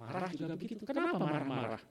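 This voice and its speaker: Male preacher, slightly high voice, very animated delivery, keeps asking the congregation questions. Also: rapid-fire. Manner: rhetorical questions to the congregation with frequent "ya"; animated, sudden loud emphatic rises. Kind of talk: sermon.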